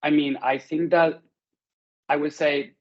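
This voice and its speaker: A man's voice: fairly high pitch, little pitch movement, unhurried. Chatty Venezuelan-born man, dull audio. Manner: friendly, chatty, many "like" fillers. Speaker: interview guest. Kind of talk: casual interview conversation.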